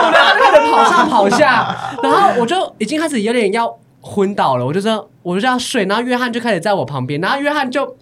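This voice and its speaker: Girl telling stories with friends, giggly, lively up and down voice, does little english bits. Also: sits high, heavy background noise. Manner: giggly, acts out quotes in English. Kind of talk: casual storytelling among friends.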